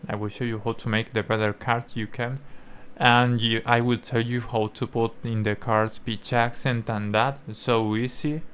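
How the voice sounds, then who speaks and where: Guy rambling slowly on his channel, keeps stopping to find words, smooth clear voice. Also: mid-range voice, a bit bright. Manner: halting, searching for words, many restarts. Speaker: language-learning video creator. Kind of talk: casual talk to camera.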